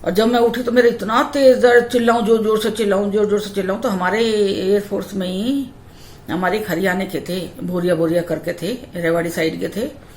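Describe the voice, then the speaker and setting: A woman vlogger telling her birth story in a lively, repetitive way. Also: medium pitch, fairly quick. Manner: animated storytelling with many repetitions. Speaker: mom vlogger. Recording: echoey room with faint ambient noise.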